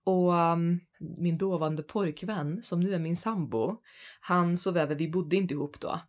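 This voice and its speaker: A Swedish woman in her thirties, co-hosting a podcast and telling a spooky personal story in an animated, chatty way. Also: lowish voice. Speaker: podcast co-host. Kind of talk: casual storytelling chat.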